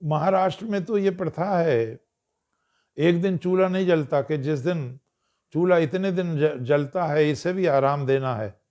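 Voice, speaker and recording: His voice is fairly high in pitch yet darkish in tone as he delivers a storytelling discourse to an audience. The pace is measured, broken now and then by him clearing his throat.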